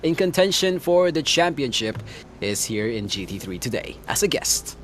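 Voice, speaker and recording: A man doing casual live commentary on a sim racing stream, relaxed and chatty, laughing often. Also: mid-range voice, moderate pace, a little hiss or hum.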